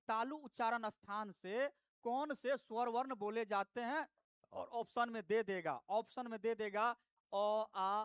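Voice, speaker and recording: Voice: medium pitch, a bit bright, clean tone, no room sound. A teacher giving a live online lesson, patiently repeating each point and addressing the students directly. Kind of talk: live online class, explaining grammar.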